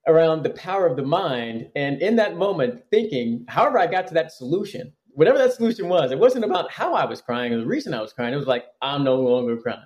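A man in a conversational podcast interview, his slightly high voice rising and falling with lively energy. He talks earnestly, restarting phrases as he works through his thoughts. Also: fast talker, few pauses. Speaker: psychologist guest.

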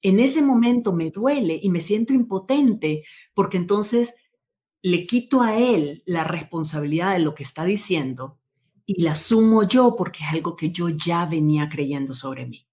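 A woman's voice: lowish voice, lively intonation, normal speed, mellow. A woman being interviewed, speaking in an earnest, thoughtful way and often correcting herself mid-sentence. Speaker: interview guest. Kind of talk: conversational interview.

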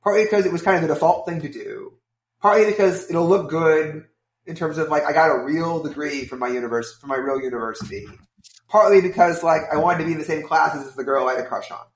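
A man telling a long anecdote as a podcast guest, rambling and filling pauses with "like" and "right?". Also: on the high side, roomy sound. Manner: animated, rambling, many fillers like "right?". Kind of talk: casual storytelling.

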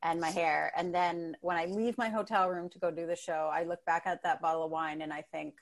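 A Canadian woman with a fairly low voice, a comedian guesting on a podcast. She tells relaxed, chatty stories and laughs often as she talks. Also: fairly quick. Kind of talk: casual chat.

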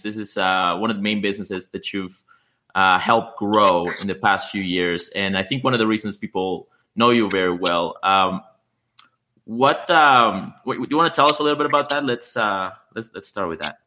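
Male podcast host, low voice, sharp bright tone, halting questions. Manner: halting, many fillers and restarts. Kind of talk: conversational podcast interview.

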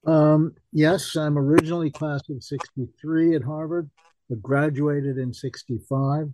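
A man in his eighties who grew up in Japan, calmly and courteously introducing himself. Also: a little high, measured pace, rough recording. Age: 80s.

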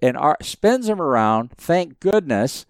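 A man in his fifties tells stories as a podcast guest, his voice smooth and resonant on a dry, close recording. He rambles with plenty of restarts but keeps the telling lively. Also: a little high, slow, no echo. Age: 50s. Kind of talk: casual storytelling interview.

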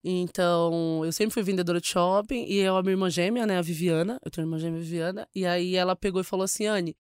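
Fast-talking São woman comedian. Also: on the low side, smooth, no room sound, clean studio sound. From São Paulo, Brazil. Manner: animated, laughing storyteller acting out quotes. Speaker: comedian guest. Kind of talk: casual interview storytelling.

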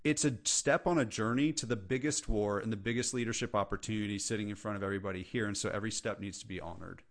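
A man's voice: lowish voice, steady tone, fast. A middle-aged man, a leadership coach, talking earnestly and casually as a podcast guest. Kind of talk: podcast interview conversation.

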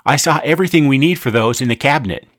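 A man voicing an eager, excitable young boy in a storybook reading. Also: medium pitch, quick pace, no echo, clean studio sound, pitched above the performer's own voice, natural voice.

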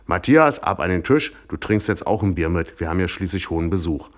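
A man voicing a gruff, beer-loving father who barks orders. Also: low-pitched, steady tone, quick pace, close to an everyday voice. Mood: bossy. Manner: bossy, barking orders.

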